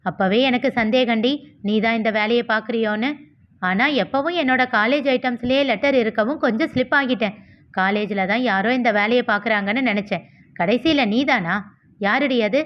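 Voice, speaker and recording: A woman's voice: fairly high pitch, a little fast, close to an everyday voice. A woman voicing a fierce, protective older sister who scolds sharply, in a storybook reading. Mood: scolding. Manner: scolding, sharp, rough-spoken. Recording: slightly dull lo-fi recording.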